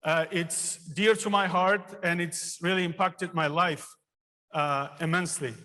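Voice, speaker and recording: Earnest professor from Turkey, fifties, man with a fairly high voice, speaking at a commencement in a big theater. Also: steady tone, pushed and bright. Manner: earnest, personal storytelling with pauses. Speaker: engineering professor giving a commencement speech. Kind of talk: commencement speech. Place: large theater. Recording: long reverb of a large hall.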